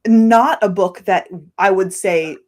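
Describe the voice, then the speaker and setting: A woman's voice: medium pitch, slow pace, darkish tone. A woman guest in a podcast interview, light and self-deprecating, laughing between her sentences. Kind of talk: casual interview chat.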